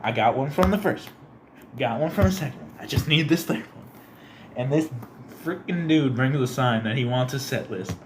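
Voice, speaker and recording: Young man telling a lively story. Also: moderate pace, noisy background. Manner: animated storytelling, acts out quotes in a squeaky high voice. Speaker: podcast co-host. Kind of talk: casual chat.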